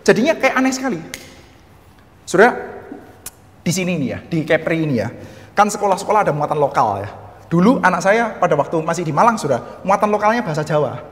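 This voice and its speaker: A man's voice: high voice, sing-song, fast, long pauses, long reverb tail. A man with a Javanese-tinged Indonesian accent giving a church history lecture, chatty and full of humorous asides, constantly addressing his listeners.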